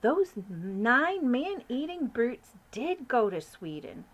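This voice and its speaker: A woman voicing a commanding, brisk queen who speaks in a crisp, imperious way. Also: fairly high pitch, very animated, lo-fi sound, a little hiss or hum, voice pushed up.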